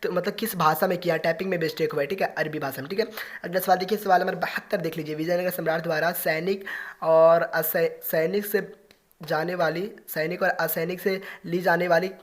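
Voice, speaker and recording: An exam-prep teacher runs through revision questions one after another. Each answer is followed by a repeated "okay, next question". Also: mid-range voice.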